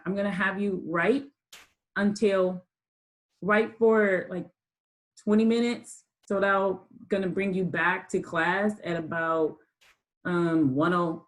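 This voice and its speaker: A lower-pitched woman leads a college writing class over a video call. She speaks casually and often pauses with ums and restarts. Her voice sits on the deep side for a woman. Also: poor audio. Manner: hesitant, many ums and restarts. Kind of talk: online class lecture.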